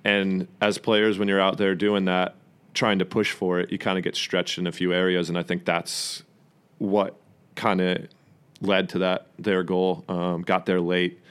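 A man coaching a soccer team, calmly explaining tactics on a podcast. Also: low-pitched, clear, resonant tone. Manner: measured, explanatory. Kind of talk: tactical analysis.

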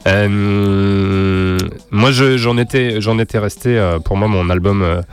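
A man with a lowish voice chats on a music radio show. He speaks hesitantly, with many filler pauses as he lists bands and shares his opinions. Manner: hesitant, many "euh" pauses, laughs easily. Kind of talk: casual radio chat presenting music.

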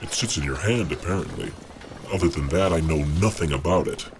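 An actor playing a mocking, menacing Satan, lord of the underworld, with taunting theatrical delivery in an audio drama. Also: male voice, low voice, fairly quick, slight background noise.

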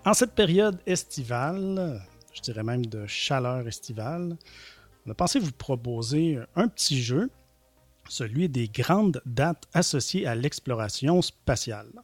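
A man's voice: medium pitch, animated, a little slow, no echo, faint music behind. A man with a Quebec French accent presenting a show to listeners in a polished radio-host manner. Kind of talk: scripted show introduction, addressing listeners.

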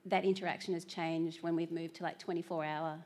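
Brisk and flat in delivery, this panel moderator has a lowish, darkish voice. She comes across as reflective and hesitant, using many fillers like "um" and "you know."

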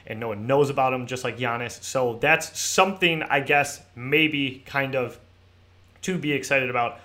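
A man's voice: mid-range voice, fairly bright tone. A young man hosting a casual sports podcast from his garage, loose, profane and self-mocking. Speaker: podcast host. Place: hot home garage.

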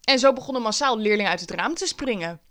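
A woman who now works as a teacher, telling a personal story in a wry, lively, self-mocking way. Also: fairly high pitch, fast.

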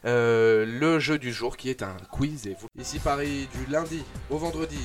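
A young man hosts a live radio show, reading out traffic news and setting up a team quiz. His voice is at a middle pitch, and he talks in a lively, animated way with frequent fillers. The sound is a plain studio mic. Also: normal speed, over music.

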